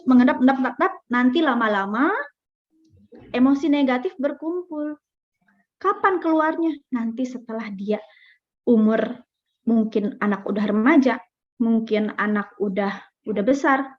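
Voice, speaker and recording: A woman's voice: high voice, normal speed, long pauses. Chatty woman, lo-fi. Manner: chatty, uses fillers and acts out child and parent voices. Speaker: parenting speaker. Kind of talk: casual talk. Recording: dull lo-fi recording.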